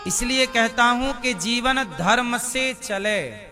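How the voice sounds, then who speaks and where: A man's voice: very high-pitched, slow pace, pushed and bright. A man preaching a devotional sermon, asking the listeners questions and answering them himself. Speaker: spiritual preacher. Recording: music playing under the voice.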